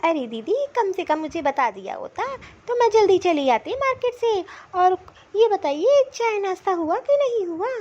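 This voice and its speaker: A woman's voice: very high-pitched, sing-song, moderate pace, hardly any pauses, a little mellow, dull audio. A woman voicing a kindly middle-aged mother-in-law in a cartoon, speaking affectionately. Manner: affectionate, soothing. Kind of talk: Hindi cartoon voice acting.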